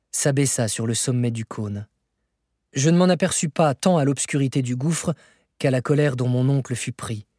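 A man reading a novel aloud as an audiobook narrator, measured and expressive, rising in pitch for dramatic moments. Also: no echo, studio quality.

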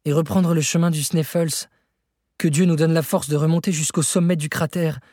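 An exhausted young man begging his companion to turn back, as a male reader acts him out. His husky voice pleads with urgency. It is recorded close and dry. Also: fairly high pitch, steady tone, unhurried, darkish tone, no room sound, pitched above the performer's own voice. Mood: urgent.

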